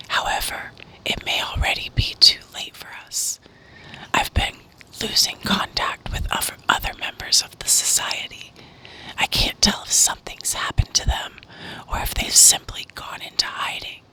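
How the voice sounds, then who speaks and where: A woman narrating horror stories in a breathy ASMR whisper, reading deliberately with pauses. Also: mid-range voice, bright, forceful tone, rough recording.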